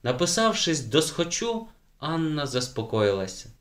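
A man narrating a children's story as an audiobook in a calm, measured way. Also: a little high.

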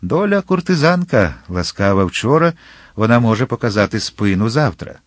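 A man's voice: lowish voice, very animated, normal speed, dry recording. A man reading an audiobook and voicing an impassioned, hot-headed young swordsman who exclaims his lines. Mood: ardent.

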